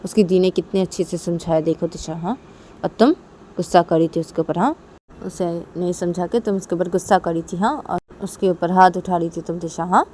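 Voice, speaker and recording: A woman's voice: fairly low pitch, steady tone, fairly quick, darkish tone, slight background noise, close to an everyday voice. A woman voicing a stern middle-aged father who lectures his daughter. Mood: scolding. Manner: scolding, lecturing.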